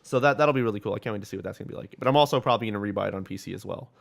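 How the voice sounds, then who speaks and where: A man's voice: fairly low pitch, rapid-fire, creaky. A man hosting a casual gaming podcast, reading out news in a rambling, swear-filled way and stumbling over game names.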